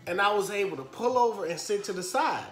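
A man's voice: high-pitched, lively intonation, fast, a bit bright. A middle-aged man co-hosting a casual chat, telling a story with lots of laughter and acted-out quotes. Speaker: dad co-host. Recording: echoey room.

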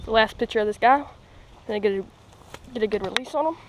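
A young man giving excited, rambling commentary outdoors by a pond, full of fillers and restarts. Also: high-pitched, fast, background noise. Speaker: fishing vlogger.

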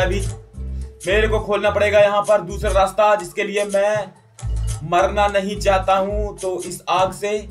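A man giving jokey, excitable commentary over a mobile adventure game, yelping and protesting whenever his character dies. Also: high-pitched. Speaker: gaming YouTuber. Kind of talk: Hindi gameplay commentary.

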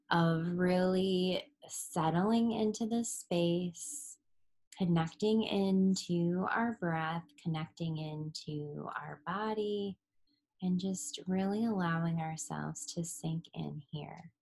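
A yoga instructor leads a guided relaxation in a soothing, unhurried way, with long pauses and breathy endings to her phrases. Her voice is fairly low-pitched and a little mellow.

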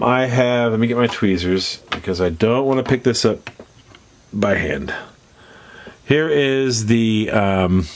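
Stuffed-up, low-voiced man at a workbench. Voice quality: stuffed-up, nasal. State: congested from allergies. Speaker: host of a model-building tutorial. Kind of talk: casual hands-on demonstration. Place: indoors at a hobby workbench.

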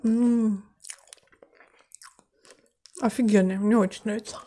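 A woman's voice: mid-range voice, slow. A young woman casually chatting in slang in a home eating vlog, talking with her mouth full. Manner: relaxed slangy chatter between bites. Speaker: mukbang vlogger. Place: room at home.

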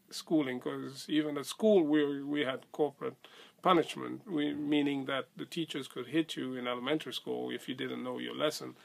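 A middle-aged man from Senegal, recounting his life story in a casual, hesitant way with many pauses and restarts. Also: medium pitch, vocal fry, a bit bright. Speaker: convert telling his story. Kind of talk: casual spoken testimony.

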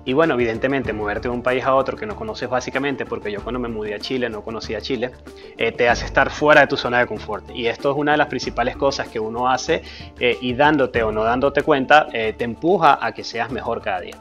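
A man, introducing himself to camera in a steady, earnest way with frequent fillers. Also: mid-range voice, quick pace, highs cut off, faint music behind. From Venezuela. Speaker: personal finance YouTuber. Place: dark studio with a screen backdrop.

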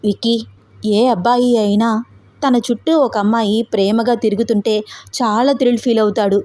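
A woman's voice: fairly high pitch, fairly even intonation, moderate pace, a little mellow, dry recording, lightly acted. A woman voicing a playful young woman who teases her fiancé with coy remarks. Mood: teasing. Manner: teasing, coy.

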